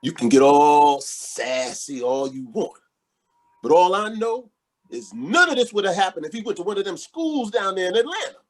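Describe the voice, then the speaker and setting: A man's voice: sits high, very animated, normal speed. An actor playing Paul, a blunt, folksy and worried father, in a stage play reading. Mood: gruff.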